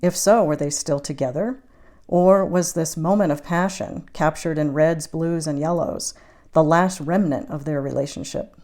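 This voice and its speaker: A woman with a notably low voice reads a first-person romance audiobook. Her delivery is measured and intimate, a storyteller taking her time with each scene. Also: dark tone. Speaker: audiobook reader.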